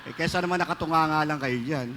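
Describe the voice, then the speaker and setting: A man's voice: a little high, fast talker, sharp tone, a little hiss or hum. A man with a Filipino accent, a priest giving a joking, storytelling homily that mixes Filipino and English. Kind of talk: sermon. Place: large church. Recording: reverberant church hall, faint ambience.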